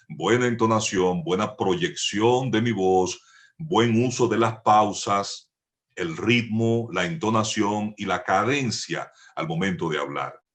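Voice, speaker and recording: A man teaching a voice and speech lesson, measured and instructive, drawing out each vowel as he demonstrates. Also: fairly low pitch. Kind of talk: slow, deliberate voice lesson.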